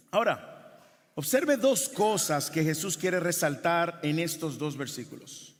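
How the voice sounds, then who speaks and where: A man's voice: on the high side, sing-song, takes it slowly. A male pastor preaching a sermon emphatically, repeating rhetorical questions to the congregation. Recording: long hall reverb.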